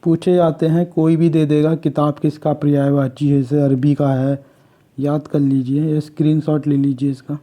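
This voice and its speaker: Man, Uttarakhand Hindi accent, exam-prep teacher; dark, unhurried, monotone list reading. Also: on the high side. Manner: slow, measured, list-like delivery. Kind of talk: reading out quiz questions and answers.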